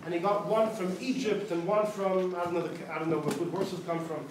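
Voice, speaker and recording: Male rabbi, animated storyteller, high voice; distant, very echoey synagogue recording with background noise. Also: fairly quick. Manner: animated storyteller, acts out quotes, Yiddish words mixed in. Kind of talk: storytelling talk at a gathering. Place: synagogue hall. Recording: very echoey hall, distant mic, noisy.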